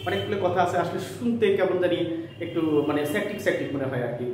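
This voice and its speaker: A man teaching a school grammar lesson, repeating key phrases slowly and pausing with fillers. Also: sits high, animated. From Bangladesh. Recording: echoey room from far off, faint noise.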